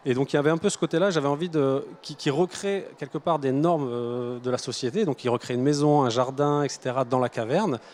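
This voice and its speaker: A man's voice: medium pitch, fast, hardly any pauses, a little mellow. Hesitant, thoughtful male author. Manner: hesitant, many restarts and fillers, thoughtful. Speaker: author guest. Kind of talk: casual interview answers.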